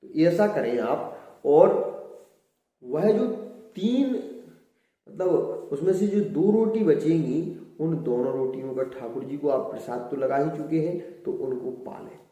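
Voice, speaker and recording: A man with a Hindi accent, an astrologer giving slow, measured devotional advice and chanting Sanskrit verses. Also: a little high, animated, warm tone. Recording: very echoey room.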